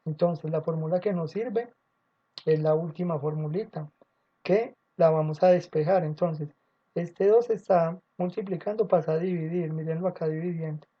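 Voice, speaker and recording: A man's voice: a little high, normal speed, muffled recording. A man teaching a physics lesson, working through equations step by step and speaking directly to his students in a patient, methodical way.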